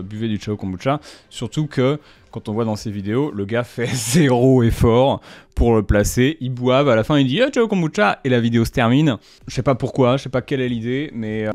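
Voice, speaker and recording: A man's voice: medium pitch, darkish tone, no room sound. A man giving casual, slangy commentary with punchy asides, breaking down a brand's marketing. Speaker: YouTuber analysing brand marketing.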